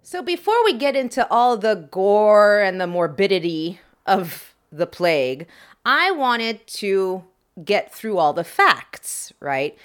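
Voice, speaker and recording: A woman's voice: mid-range voice, big pitch swings, slow. A woman hosting a podcast, explaining history in a chatty way with playful, wry asides to her listeners. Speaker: podcast host.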